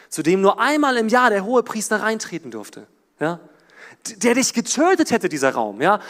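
A man preaching a sermon, swinging from loud emphasis to quiet, low passages. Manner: animated, rises and drops in volume for emphasis.

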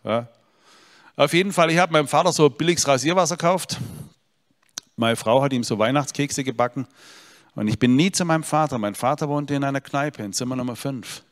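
A man's voice: mid-range voice, fairly quick. A man giving a personal storytelling sermon, talking straight to his listeners with earnest, dry humor. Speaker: speaker giving an inspirational talk. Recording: long hall reverb.

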